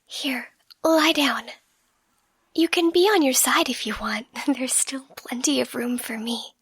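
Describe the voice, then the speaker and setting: A woman plays an affectionate catgirl girlfriend soothing her partner to sleep in bedtime ASMR, her high, soft, breathy voice often dropping to a near-whisper as she speaks very slowly, tenderly and reassuringly. The clip moves between roleplay and slow storybook reading, captured on a close microphone with studio quality, no room sound, and soft music behind her.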